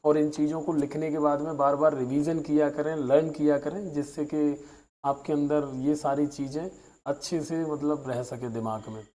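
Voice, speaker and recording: Man, teacher, patient recap of a lesson, drawn-out example sounds, fairly high voice with a mellow tone. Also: fairly even intonation, low-quality recording. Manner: patient, explains slowly and drags out vowel sounds as examples; mixes in English words.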